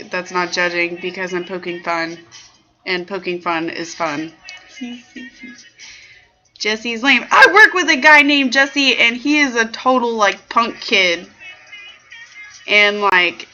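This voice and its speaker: Playful bright-voiced woman streamer. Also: medium pitch. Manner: rambling, playful and sassy, greets chat viewers. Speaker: livestream show host. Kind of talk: casual chat reading viewer comments. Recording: dull lo-fi stream audio with faint background music.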